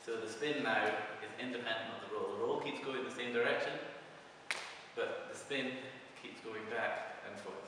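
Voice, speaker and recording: A man's voice: mid-range voice, steady tone, normal speed, noisy background. A man casually teaching a prop-spinning move, talking loosely through each step as he demonstrates it. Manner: loose, talks through moves while demonstrating. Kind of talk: casual video tutorial. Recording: echoey hall, mic far off.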